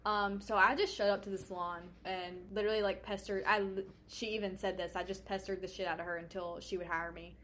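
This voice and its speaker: A woman's voice: medium pitch, little pitch movement, brisk, hardly any pauses, fairly bright tone, slight background noise. A young adult woman, a hairstylist and podcast co-host, telling her story candidly in casual chat and swearing now and then. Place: United States.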